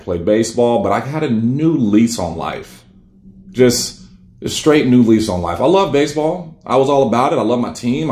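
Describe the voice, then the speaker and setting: A man's voice: lowish voice, darkish tone. Earnest rambling man in an echoey room. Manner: rambling, many fillers and restarts, earnest. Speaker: cancer survivor telling his story. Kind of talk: casual personal storytelling.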